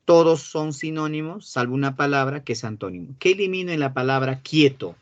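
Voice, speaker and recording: A man with a Peruvian Spanish accent teaching a classroom lesson. He repeats key words slowly and quizzes his students. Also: fairly high pitch, no room sound. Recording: dull, dry sound.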